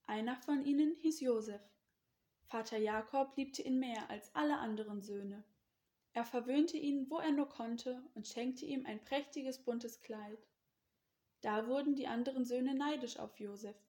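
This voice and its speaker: Higher-voiced woman telling a children's story. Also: a little slow, mellow. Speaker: children's church service leader.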